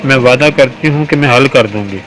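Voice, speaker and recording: A man's voice: mid-range voice, a bit bright, a little hiss or hum, close to an everyday voice, rough recording. A man reading aloud the lines of a confident, protective young wife in a storybook, in a firm, reassuring way.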